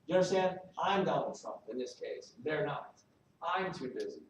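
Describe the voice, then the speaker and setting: A man giving a live recruiting training talk to his team, animated and salesy, joking with the audience. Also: on the high side, normal speed, a little hiss or hum. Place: meeting room at a regional event. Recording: echoey room from a distance, faint ambience.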